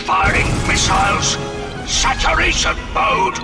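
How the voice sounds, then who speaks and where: A rusty robot dog general, snapping out clipped status reports and attack commands in a slow, somewhat high mechanical voice. His voice bounces around an echoey space and sounds set back from the mic, buried under loud game music. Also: steady tone, recorded from a distance. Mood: commanding. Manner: barks short status reports and attack calls. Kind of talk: video game voice acting.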